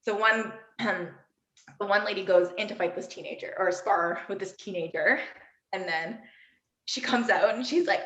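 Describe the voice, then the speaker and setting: A young adult woman, a podcast guest, telling a story in lively, casual chat, acting out quotes and leaning heavily on "like.". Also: medium pitch, unhurried. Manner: animated, acts out quotes, many "like" fillers. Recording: roomy, dull-sounding.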